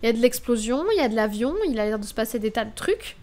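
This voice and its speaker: A woman's voice: on the high side, fast talker, a little mellow. A young woman streaming live, chatting casually and thinking aloud while she browses the week's releases.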